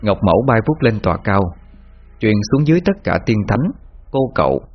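Lively low-voiced man telling a tale. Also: slightly rough. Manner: measured, dramatic. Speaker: storyteller. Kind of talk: dramatic folk tale narration. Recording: muffled, with long reverb.

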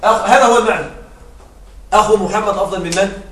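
A man teaching an Arabic grammar lesson who explains step by step, repeats his examples and keeps checking with quick rhetorical questions. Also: sits high, fairly bright tone, reverberant, distant mic, a little hiss or hum.

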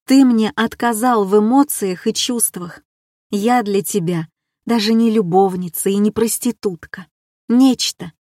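A woman's voice: mid-range voice, a little slow, a little mellow, no echo, clean studio sound, close to an everyday voice. A woman reading an audiobook and voicing a weary, bitter woman who reproaches her lover with probing questions. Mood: accusing.

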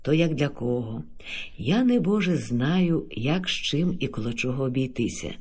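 A man voicing an older village man who talks in a calm, easygoing, folksy way. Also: mid-range voice, normal speed.

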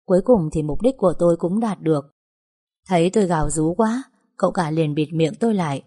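A woman narrating a first-person story in a steady, even way. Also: on the low side, a little fast.

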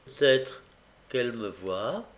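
A man's voice: medium pitch, expressive, a little slow. A frail, feverish little boy in an audiobook, faint and wistful, barely able to speak above a murmur. A man reads him close to his own voice. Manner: faint, wistful, soft-spoken. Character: weak, feverish, gentle young boy. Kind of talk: audiobook character reading.

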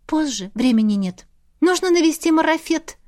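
A spirited young heroine, voiced by a woman narrator in a storybook reading. She sounds lively and fond, her voice sitting a little high. She teases her siblings easily. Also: measured pace. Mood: affectionate.

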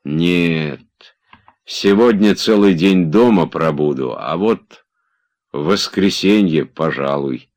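A man's voice: deep voice, slow, darkish tone. A man voicing a stubborn, grumbling old manservant who drawls his excuses. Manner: lazy, sullen, drawling.

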